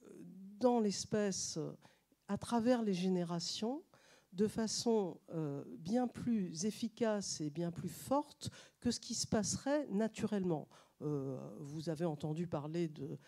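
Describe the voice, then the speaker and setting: A woman journalist speaking on stage to a live audience, hesitant with many fillers and restarts, but lively and joking. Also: on the low side, measured pace. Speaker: journalist and author on a panel. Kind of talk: public talk to a live audience. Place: stage at a public science event.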